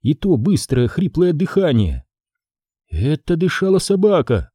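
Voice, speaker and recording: A woman's voice: sits low, very animated, normal speed, warm tone, husky, dry recording, clean studio sound, voice pushed up, exaggerated voice. A man reading a novel aloud and voicing a frightened, stubborn young woman in a raised, tense voice. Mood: relieved. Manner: tense, breathless, insistent.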